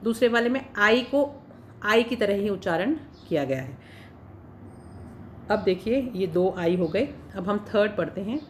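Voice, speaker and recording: A woman's voice: medium pitch, expressive, measured pace, a little hiss or hum. A woman teaching an English pronunciation class in Hindi, patiently saying each example word and then its meaning. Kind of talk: spoken English lesson for Hindi speakers.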